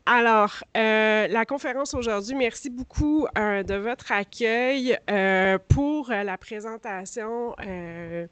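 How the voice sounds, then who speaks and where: A woman's voice: a little high, slow pace, few pauses, a bit bright, smooth, dry recording. A woman with a Quebec French accent and a slightly grating, allergy-scratched voice, speaking as a guest at a conference. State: voice strained by allergies. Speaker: guest speaker, director of a workforce organisation. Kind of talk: conference talk.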